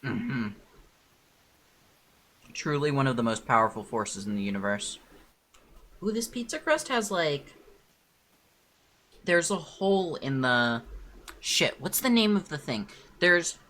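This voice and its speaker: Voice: mid-range voice, big pitch swings, takes it slowly, long pauses, a bit bright. A streamer chatting casually while working, rambling and distracted, swearing now and then, talking with food in the mouth. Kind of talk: casual livestream chat.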